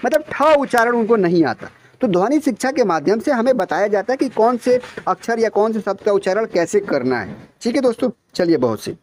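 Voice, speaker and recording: A man's voice: high voice, very animated, brisk, a little mellow, slight background noise. A young man giving a casual exam-prep lesson, explaining step by step and correcting himself as he goes. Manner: explains step by step, often saying "ठीक है" and addressing viewers as friends; self-correcting, restarts words. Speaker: exam tutor.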